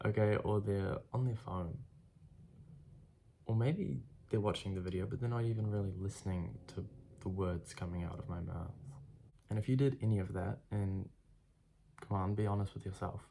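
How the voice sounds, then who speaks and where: A congested young man speaks straight to his viewers in a blunt, casual way, swearing as he goes. His low voice is gravelly with fry and sounds dark and mellow. He talks like a self-improvement vlogger giving a motivational pep talk. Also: normal speed, a little hiss or hum. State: congested from a cold. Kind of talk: direct-to-camera motivational talk.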